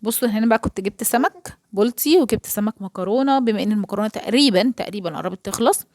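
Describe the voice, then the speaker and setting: Egyptian woman, young adult, chatty cooking vlog voice-over, rapid, dry close sound. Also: medium pitch, darkish tone, no room sound. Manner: chatty, rambling, talks straight to viewers. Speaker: home cooking vlogger. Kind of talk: casual chat over cooking footage.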